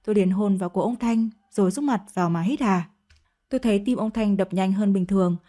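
A woman reads a dramatic audio story with a steady, even storytelling delivery. Her voice is mellow and warm in tone. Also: mid-range voice, a little fast. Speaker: narrator.

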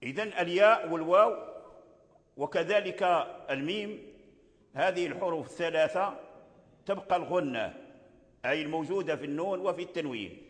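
A man's voice: a little high, lively intonation, a little fast, long pauses. An older man from Morocco teaching Quran recitation rules. He explains patiently, repeats key phrases and chants short examples. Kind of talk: religious lesson on tajweed. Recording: long hall reverb.

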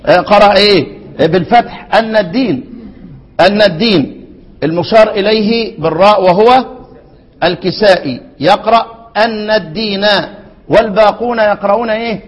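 Husky Egyptian teacher quizzing students. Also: male voice, sits high, fairly quick. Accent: Egyptian Arabic. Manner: keeps asking students to fill in words. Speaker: Quran recitation teacher. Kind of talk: explaining a classical text to students. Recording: dull, reverberant hall recording.

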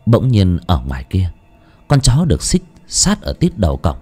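Brief: male storyteller, lowish voice with lively swinging pitch, scripted ghost story narration. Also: normal speed, music in the background. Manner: lively, dramatic telling with shifting pitch.

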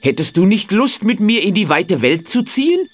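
A woman's voice: medium pitch, normal speed, pitched above the performer's own voice. A woman voicing a polite, enthusiastic young soldier in a fairy tale. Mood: admiring. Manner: lively, enthusiastic.

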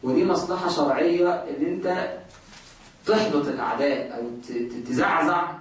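A man's voice: fairly high pitch, moderate pace. A man with an Egyptian accent teaching a jurisprudence class, asking the class questions and answering them himself. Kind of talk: lecturing a class. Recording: very echoey room, voice from far off.

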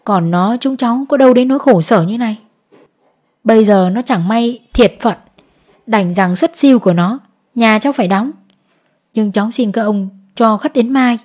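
A woman's voice: on the high side, darkish tone, natural voice. A woman voicing a poor peasant wife who pleads and cries over taxes she cannot pay. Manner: pleading, sobbing.

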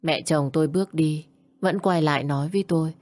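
A woman's voice: deep voice, brisk, darkish tone. A woman narrating a first-person audio story in a plain, sorrowful way.

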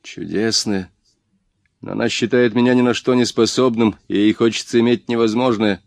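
A man's voice: medium pitch, steady tone, normal speed, creaky, dry recording, clean studio sound, natural voice. A man reading the lines of a shy, hapless young man who stumbles over his words in an audiobook. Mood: sheepish. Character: timid, hapless young man posing as a robber.

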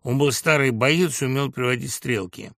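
A man reading a novel aloud in an expressive, lively storytelling manner. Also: medium pitch, normal speed, no room sound, clean studio sound. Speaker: reader of a novel.

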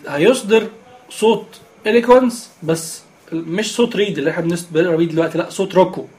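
An instructor with an Egyptian Arabic accent explains a screen reader step by step, filling his speech with many filler sounds. His voice is on the high side with a darkish tone.

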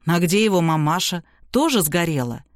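A woman's voice: fairly low pitch, lively intonation, normal speed, no room sound, clean studio sound, natural voice. A woman voicing a callous young man who speaks in a scornful, dismissive way.

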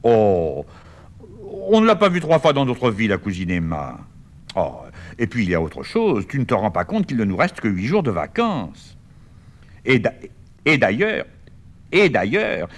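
A man reading a play aloud, voicing a lively, bossy teenage boy with quick, bantering, mock-grand talk. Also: mid-range voice. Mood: cajoling. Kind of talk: 1960s stage-play reading.

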